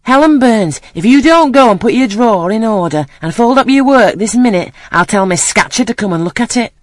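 A reader shouting as a rough, bossy schoolgirl monitor. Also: mid-range voice, animated, a little fast, no echo, voice pushed up, close to an everyday voice. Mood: scolding. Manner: loud scolding shout.

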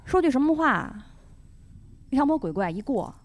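A woman, telling a personal story as a guest on a talk show in a chatty, animated way. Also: high voice, moderate pace. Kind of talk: casual storytelling chat.

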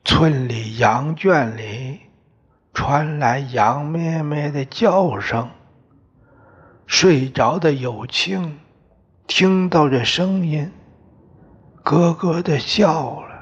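A man narrating a novel as an audiobook, in a slow, deliberate storytelling manner that at times drops to a whisper. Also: a little high, breathy edge, lo-fi sound. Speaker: audiobook reader.

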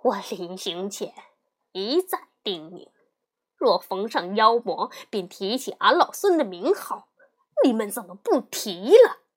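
A woman storyteller puts on a cocky male monkey king from a storybook, full of scorn and threats. He talks slowly and grandly. His pitch leaps up and down and sits a little high. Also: big pitch swings, bright, forceful tone, heavily acted. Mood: scornful. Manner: swaggering, threatening, scornful sneers. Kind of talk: storybook character voice.

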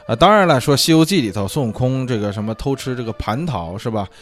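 A Chinese man living abroad hosts a casual solo talk show, musing aloud in a chatty way with plenty of fillers. His voice sits at medium pitch, and he talks fast with lively intonation.

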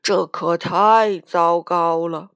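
A woman voicing an old male ghost, a legendary storyteller, speaking slowly and commandingly in a deep voice. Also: fairly even intonation, a bit bright, clear, resonant tone, dry recording, clean studio sound. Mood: solemn. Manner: slow, commanding, booming.

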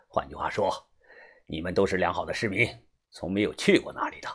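A man's voice: low voice, a little fast, fairly bright tone, voice pushed down. A man doing a smug middle-aged fixer. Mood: sly. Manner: smooth, chuckling, knowing. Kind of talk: audiobook character voice.

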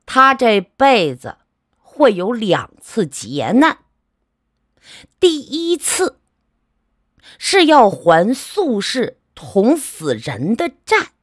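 A woman acts out a tired middle-aged country uncle who sighs and grumbles, gruff and resigned to his fate. He scolds his nephew in a lively, rising and falling voice, heard dry and close in a told ghost story. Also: a little high, very slow, pauses often, no room sound, exaggerated voice. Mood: gloomy.

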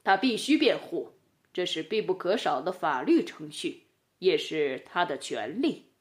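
A woman voicing a stately male lion king who speaks slowly and solemnly. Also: on the low side, lively intonation, voice pushed down. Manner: solemn, slow and composed.

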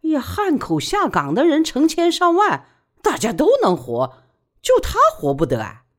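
A woman's voice: high-pitched, huge pitch swings, normal speed, voice pushed up. A woman voicing a blunt woman friend who scolds and pleads. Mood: scolding.

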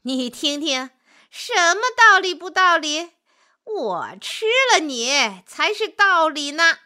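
Storybook wolf, sly and pushy, high and bright, voiced by a woman. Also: big pitch swings, a little slow, full character voice. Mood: gloating. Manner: mocking, pushy. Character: sly hungry male wolf, brazen.

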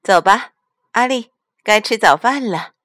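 A woman's voice: medium pitch, lively intonation, measured pace, no room sound, studio quality, voice pushed up. Woman doing a reassuring mother bear. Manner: warm, reassuring. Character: patient loving mother bear.

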